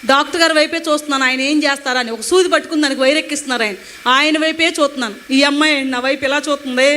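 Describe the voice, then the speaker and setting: Woman, testimony speaker, high bright voice, emotional animated delivery. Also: very fast, a little hiss or hum. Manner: emotional, animated retelling with acted quotes. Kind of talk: personal testimony storytelling.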